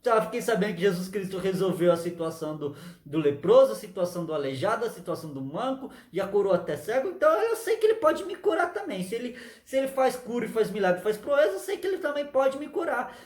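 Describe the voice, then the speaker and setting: Man voicing a blind beggar, urgent, pleading, high voice, roomy echo. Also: expressive, quick pace, darkish tone.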